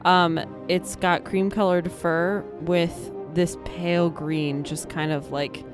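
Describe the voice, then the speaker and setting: A woman's voice: on the low side, little pitch movement, slow pace. A woman player at a tabletop role-playing game, describing her character's moves in casual chat. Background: background music.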